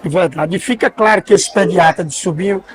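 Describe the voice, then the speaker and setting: A man's voice: sits high, a little fast, a little hiss or hum. A man hosting a podcast, chatty and joking with his guests. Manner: jokey, chatty, laughs at his own quips. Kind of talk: casual chat.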